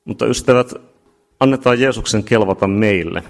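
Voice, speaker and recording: A man preaching a sermon, emphatic and building to shouts at key points. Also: fairly low pitch, gravelly. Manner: emphatic, rising to shouts at climaxes.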